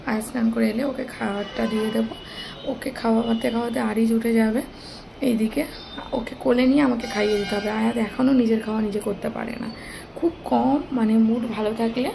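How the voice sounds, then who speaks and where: Young mom vlogger, Bengali accent, chatty; rapid delivery, slight fry, faint room noise. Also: female voice, on the high side. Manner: chatty, speaks softly at times so the baby stays asleep. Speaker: vlogger, mother of two. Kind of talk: casual vlog narration to viewers. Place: home.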